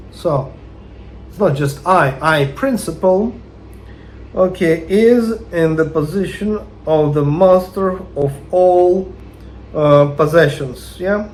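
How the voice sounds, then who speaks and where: A man's voice: on the high side, a little hiss or hum. A man with a Russian accent and Russian as his first language, giving a spiritual talk that reads out quotes and explains them, hesitant and full of fillers. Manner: hesitant, many fillers, unhurried. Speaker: spiritual teacher.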